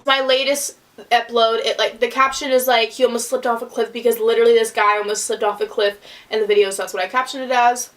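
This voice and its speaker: A woman's voice: on the high side, fairly even intonation, fast talker, a bit bright. A woman vlogger talking to camera in a rambling, mildly complaining way, with frequent "like" fillers. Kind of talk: casual vlog talk to camera.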